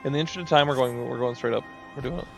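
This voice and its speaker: A man's voice: medium pitch, racing, gravelly, soft background music. A man giving casual gameplay commentary as a streamer, rambling and self-deprecating. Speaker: video game streamer.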